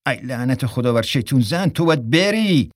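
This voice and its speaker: A man's voice: medium pitch, expressive, no echo, lightly acted. Narrator doing a fed-up sarcastic guy, grumbly, dry close sound. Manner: exasperated, sarcastic, exclaiming. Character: exasperated man, sarcastic and grumbling. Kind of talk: audiobook character reading.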